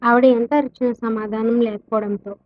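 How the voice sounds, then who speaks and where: Expressive woman storyteller, lo-fi dry sound. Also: a little high, normal speed, no room sound. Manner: expressive, shifts tone for quoted characters. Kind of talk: dramatic story narration with character dialogue. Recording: dull, lo-fi dry recording.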